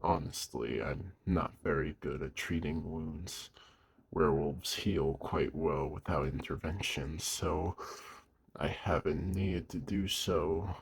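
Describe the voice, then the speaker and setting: In an audio roleplay, a man plays a gruff yet caring woodland werewolf, speaking to the listener gently and protectively. His husky, gravelly bass is slow and exaggerated, and the mood comes across as caring but awkward.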